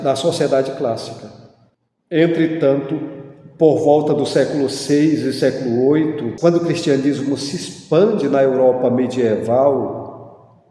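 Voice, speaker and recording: A man lecturing on mythology and religion, explaining deliberately and posing rhetorical questions. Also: mid-range voice, mellow. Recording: echoey hall with long reverb.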